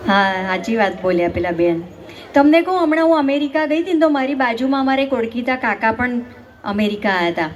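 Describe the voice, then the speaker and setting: A woman on stage telling comic stories, with a high, clear voice. She teases the audience and keeps asking them questions, in a lively, chatty way. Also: fairly quick, a faint crowd, slight background noise. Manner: chatty, teasing, talks directly to the audience. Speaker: stand-up comedian. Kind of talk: stand-up comedy storytelling.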